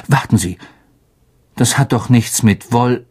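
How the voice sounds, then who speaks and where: A woman's voice: rumbling low, slow pace, darkish tone, slightly rough, exaggerated voice. A woman voicing an earnest, worried twelve-year-old boy wizard who speaks hurriedly and sometimes stammers.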